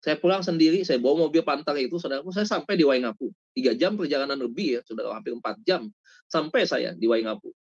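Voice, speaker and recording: A man's voice: on the high side, fast, no echo. A male pastor telling a personal story in a sermon, often calling his listeners "brothers" and acting out the dialogue. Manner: addresses listeners as "saudara", animated retelling with quoted dialogue. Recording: dull lo-fi dry sound.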